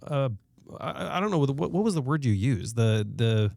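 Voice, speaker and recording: A man hosts a podcast in a conversational way, chiming in with reactions and asking long, rambling questions. His voice sits at a middle pitch. The sound is dry and close to the mic. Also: expressive, moderate pace, creaky, darkish tone, no echo. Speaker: podcast host. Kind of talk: podcast interview.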